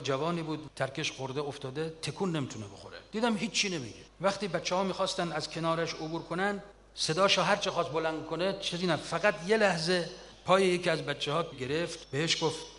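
Recorded in a reverberant hall, a man tells wartime stories in an earnest sermon style, his voice swelling with emotion. His pitch is on the high side and his tone fairly bright.

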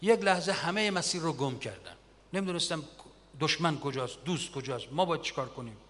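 Man preaching emotional war stories, voice a bit high, long echoey hall. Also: expressive. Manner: earnest, emotional retelling of wartime stories with swelling loudness. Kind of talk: sermon-style storytelling.

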